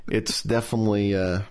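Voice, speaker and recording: A man's voice: fairly low pitch, flat delivery, a little slow, a little mellow, clear, resonant tone. A man in his thirties with a strong Southern accent, co-hosting a podcast in a playful, joking, self-deprecating way. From US South, mountains. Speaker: podcast co-host. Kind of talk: casual chat.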